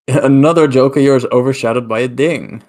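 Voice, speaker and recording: A man with a British accent bantering casually in a gaming voice chat, laughing often and calling out quick directions. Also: medium pitch, darkish tone. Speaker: gamer in group voice chat.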